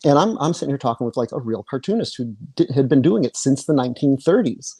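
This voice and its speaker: A middle-aged man from Michigan chats as an interview guest over a video call. His voice is dark and mellow, recorded dry with no room sound. He circles his points with lots of restarts and filler. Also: medium pitch, lively intonation, fast talker, husky, dry recording. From Michigan, USA. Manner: chatty, many restarts and repeated words. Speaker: guest comic artist. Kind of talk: casual interview. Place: home room with bookshelves.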